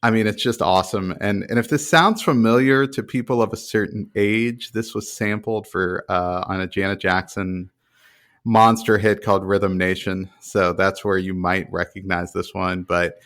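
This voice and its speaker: A man's voice: deep voice, steady tone, moderate pace, a bit bright. A man hosting a music podcast, chatting casually in an upbeat, enthusiastic way. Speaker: podcast host. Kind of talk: casual chat.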